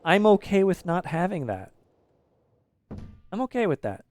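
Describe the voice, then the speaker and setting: A man's voice: sits high, big pitch swings, unhurried, a little mellow. A man in his thirties streaming a game live, talking in an opinionated, ranty way with casual swearing.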